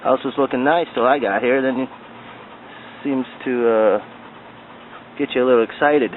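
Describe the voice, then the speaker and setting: With a medium pitch, fairly even intonation, and normal speed, a man playfully coaxes his dog in baby talk out in his back yard. The clip comes from a handheld video camera, so it sounds tinny and lo-fi with a little outdoor noise.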